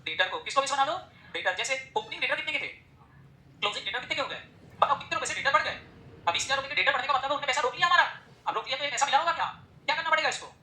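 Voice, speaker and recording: Fast-talking male teacher quizzing his class. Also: very high voice, lively intonation, sharp tone. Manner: drills the class with rapid-fire questions. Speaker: accounting teacher. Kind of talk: classroom lecture. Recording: echoey room.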